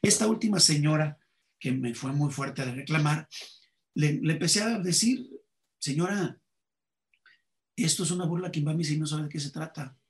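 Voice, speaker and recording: A man's voice: on the high side, a little fast. A man with a Mexican accent, a comedian telling anecdotes in an interview and acting out the dialogue. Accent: Mexican Spanish. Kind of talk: interview conversation, storytelling.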